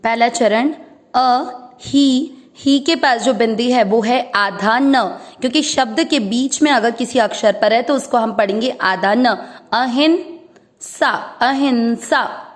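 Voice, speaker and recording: High-voiced woman teaching slowly. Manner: patient, drawing out syllables and repeating each word. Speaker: Sanskrit recitation teacher. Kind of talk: slow syllable-by-syllable pronunciation lesson.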